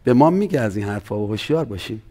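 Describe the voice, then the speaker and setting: A man preaching a sermon as pastor, swinging between loud emphatic runs and quiet asides. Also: lively intonation. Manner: preaching with sweeping pitch and loudness swings, acting out quoted doubters.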